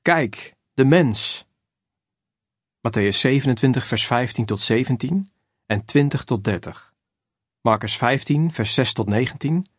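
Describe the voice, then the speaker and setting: Male narrator, mid pitch, measured scripted reading, dry close recording. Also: breathy edge, dry recording. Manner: measured, even reading of chapters and verse numbers. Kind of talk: scripted narration of a religious book.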